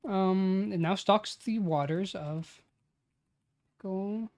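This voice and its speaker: This twenty-something streamer, working on a tabletop campaign, murmurs lines aloud as he types and then falls into casual banter with friends, swearing freely, in a casual livestream. His voice sits high, with a darkish tone, and he talks extremely slowly.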